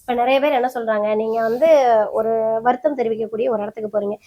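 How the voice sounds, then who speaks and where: A woman interviewer with a high voice speaks rapidly. She presses her question again and again and interrupts to hold her ground. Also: mellow. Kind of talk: heated debate interview.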